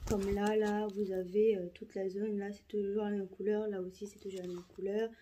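A woman giving casual unboxing commentary in a halting, soft-spoken way, with many fillers and repeated words. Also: mid-range voice, level tone, slight background noise. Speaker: vlogger.

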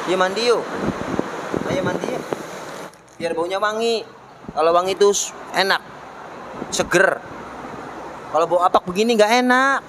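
A man's voice: sits high, normal speed, long pauses, fairly bright tone, slight background noise, low-quality recording. A man filming a casual vlog outdoors, coaxing someone with short repeated commands. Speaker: vlogger. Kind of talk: casual handheld vlog narration. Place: outdoors by a street near a mosque.

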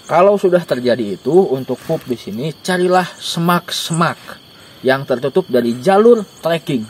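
A young man giving joking, animated camping tips outdoors in a dark forest at night, recorded by a camera a few steps away. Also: on the high side, moderate pace, slight background noise. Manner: joking, animated, gestures while talking. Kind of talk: casual outdoor interview. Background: faint insects and crickets.

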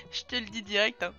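A woman's voice: a little high, bright, forceful tone. A young woman from France chatting casually over gameplay, teasing the characters she controls. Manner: chatty, teasing, talks to her game characters. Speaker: streamer. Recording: dull lo-fi sound with game music behind.

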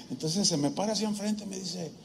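A man with a Mexican accent, a pastor preaching a sermon in church, telling a personal story in an animated way with humorous asides. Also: sits high, normal speed, gravelly, slight background noise.

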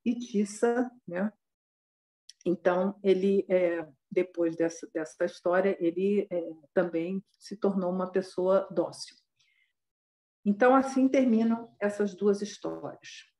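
A woman's voice: medium pitch, slow pace, mellow, roomy sound. A woman, a dharma teacher conversationally retelling a Buddhist story with frequent filler tags.

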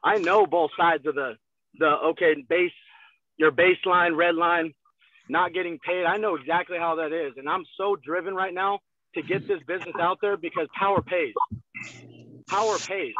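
Energetic young man on a video call. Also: a little high, normal speed, no echo. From Texas. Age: 20s. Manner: energetic, gestures a lot, repeats phrases. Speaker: guest salesman. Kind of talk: motivational sales talk. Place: in a parked car. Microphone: phone on a video call. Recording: thin phone-like video call audio.

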